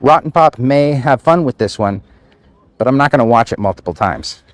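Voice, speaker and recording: A man's voice: medium pitch, expressive, normal speed, no room sound. A man hosting a film podcast, reading a scripted movie review in a wry, sarcastic way with casual fillers.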